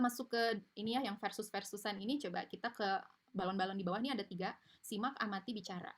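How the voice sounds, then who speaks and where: A woman giving an informal online parenting lecture, chatty and explanatory, with frequent tag fillers, over a video call mic. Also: medium pitch. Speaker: parenting webinar speaker.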